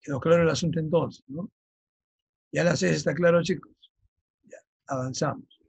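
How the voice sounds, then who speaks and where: A male teacher explaining vocabulary for an exam, often checking in with his students and slowly dictating key terms. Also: a little high, fairly even intonation, gravelly, darkish tone, husky, dry recording, poor audio. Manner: checks understanding with frequent "ya?". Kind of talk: vocabulary lesson for exam prep.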